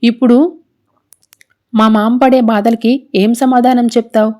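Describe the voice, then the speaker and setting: A woman's voice: on the high side, little pitch movement, measured pace, dark tone, lightly acted. A woman reading the lines of a scheming young female rival in a serial recap, in a sarcastic, accusing manner. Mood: taunting.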